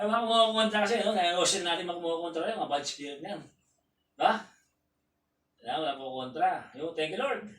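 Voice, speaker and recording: Man cheering a patient on, far off. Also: fairly high pitch. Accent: Filipino. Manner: shouts counts and cheers during exercises. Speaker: therapist coaching a patient. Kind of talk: encouraging coaching with counting. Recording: roomy, distant, faint room noise.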